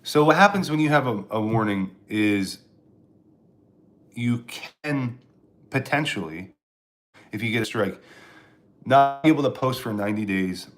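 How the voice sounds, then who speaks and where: A man's voice: mid-range voice, animated, unhurried, long pauses, a bit bright. A man from Pennsylvania, a stand-up comedian, rambling sarcastically in a casual live stream while answering chat, with frequent restarts.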